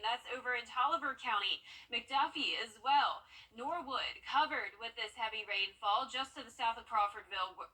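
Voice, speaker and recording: A woman's voice: fairly high pitch, pushed and bright, far from the mic, low-quality recording. A woman presenting a television weather forecast as a meteorologist, talking viewers through it in an ad-libbed way.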